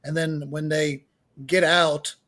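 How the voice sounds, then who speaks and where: A man's voice: a little high, flat delivery, slow pace, sharp tone. A man co-hosting a podcast, ranting emphatically about a film with some profanity. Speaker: podcast co-host. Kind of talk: casual film-review chat.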